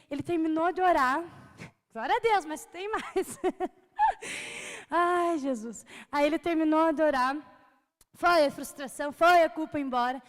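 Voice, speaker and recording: A woman's voice: high voice, in a large hall. A young woman with a Brazilian Portuguese accent giving a personal testimony in church, earnest and conversational, laughing often between phrases.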